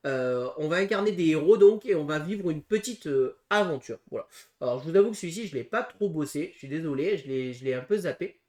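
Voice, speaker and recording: A man co-hosting a casual board game preview, talking through game rules with frequent pauses and restarts. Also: a little high, lively intonation, a little mellow. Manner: hesitant, full of pauses and restarts while explaining rules. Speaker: board game channel co-host.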